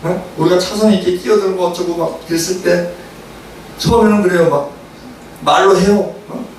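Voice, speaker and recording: Animated high-voiced preacher in an echoey hall. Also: male voice, normal speed. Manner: animated storytelling, acts out quarrels with sudden shouts. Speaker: seminary professor preaching. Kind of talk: sermon with acted anecdotes. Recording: echoey hall, far from the mic, faint noise.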